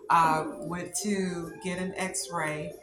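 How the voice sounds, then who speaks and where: A woman's voice: lowish voice, flat delivery, very slow. A middle-aged woman chatting with her family, telling stories about her son with many fillers. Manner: warm storytelling with fillers. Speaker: mother being celebrated. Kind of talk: casual family chat. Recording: roomy echo, music behind.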